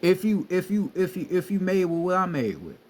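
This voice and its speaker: This spiritual teacher is a young man with a high, sing-song voice and a brisk delivery, and the recording carries a slight hiss or hum. His casual street-style lecture on spiritual ideas is profane, emphatic, and full of repetition.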